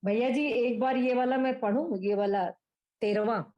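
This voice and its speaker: A woman student reciting a verse in an online class, reading carefully and haltingly. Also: on the high side, highs cut off.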